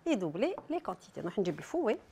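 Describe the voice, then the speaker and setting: A woman's voice: mid-range voice, big pitch swings, racing, creaky, mellow, a little hiss or hum. A woman with an Algerian accent presenting a cooking demonstration, chatting straight to her viewers with frequent asides.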